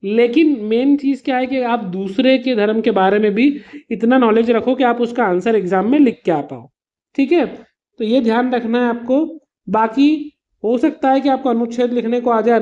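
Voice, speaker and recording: A man's voice: very high-pitched, mellow, muffled recording. A man teaching an exam revision lesson to students. He explains patiently with simple examples, calls his students "beta" and slips English words into his explanations.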